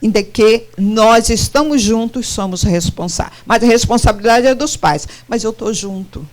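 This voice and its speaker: A woman's voice: fairly high pitch, moderate pace. A middle-aged woman giving a spiritist lecture, often putting questions straight to her audience. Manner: animated, questions the audience directly.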